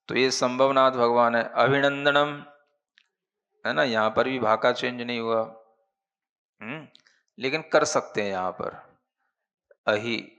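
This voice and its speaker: In a patient, slow-moving Prakrit grammar class, a Jain monk explains points carefully and checks in with "है ना?". He speaks at medium pitch with a somewhat bright tone, and the recording's highs are cut off.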